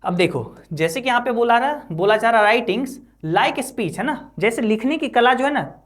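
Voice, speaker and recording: A woman teacher explaining an English textbook chapter line by line, reading each English line slowly and then explaining it in a chatty way, with constant checks like "right?" and "okay". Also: on the high side, expressive. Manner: constant "है ना" and "ठीक है" tag checks; chatty, addresses students directly.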